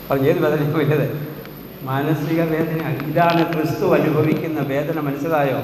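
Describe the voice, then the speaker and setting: A preaching man in an echoing hall. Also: on the high side. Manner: rhetorical, asks congregation questions. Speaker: priest. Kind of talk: sermon. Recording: heavy hall echo, faint noise.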